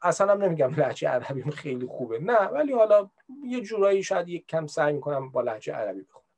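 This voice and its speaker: A man's voice: a little high, big pitch swings, creaky, a little mellow, a little hiss or hum. A man in casual, reflective explanatory talk, conversational and full of everyday examples. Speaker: speaker on religious practice.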